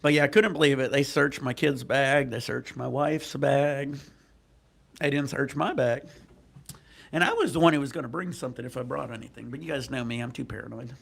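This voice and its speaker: A man with a stuffy, congested nose livestreams outdoors on a cruise ship at night, talking into a handheld mic. His mid-range voice moves fairly quickly, creaky with a breathy edge. The casual stream chat is laid-back, profane and full of jokes.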